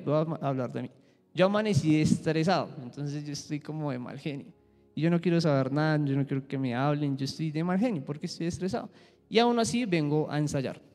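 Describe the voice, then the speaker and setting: A man's voice: fairly high pitch, darkish tone. Young man teaching a church group. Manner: asks the group questions, acts out examples. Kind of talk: interactive Bible lesson. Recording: echoey hall with faint music.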